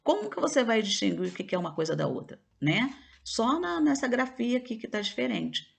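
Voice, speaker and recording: A woman's voice: a little high, very animated, a little fast, gravelly. A woman teacher with a Brazilian Portuguese accent, patiently explaining a lesson and checking in with her students. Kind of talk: online classroom lesson.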